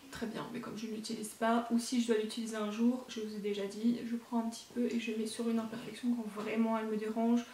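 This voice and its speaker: A woman's voice: fairly high pitch, dark tone, roomy sound, recorded from a distance, a little hiss or hum. A woman beauty vlogger chatting casually to camera about her makeup collection, rambling with lots of fillers and self-corrections.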